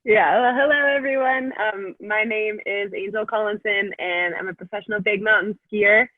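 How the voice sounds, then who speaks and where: A woman chatting lively on a video call as a panel guest, laughing easily. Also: mid-range voice, moderate pace, dry recording. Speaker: panel guest, pro skier. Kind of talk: casual video-call chat. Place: indoors at home. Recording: tinny dry call audio.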